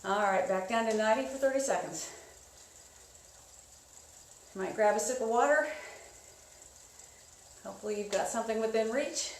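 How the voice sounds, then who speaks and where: A woman's voice: on the high side, moderate pace, pauses often. A woman leading an indoor cycling class, giving encouraging coaching cues and guided instruction. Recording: echoey room with faint noise.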